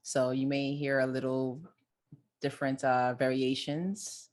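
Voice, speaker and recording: A woman's voice: a bass voice, little pitch movement, a little slow, a little mellow. A woman hosting a casual solo podcast with a New York accent and Caribbean touches, chatting straight to her listeners and often repeating words. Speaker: podcast host. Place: indoors near a busy city street.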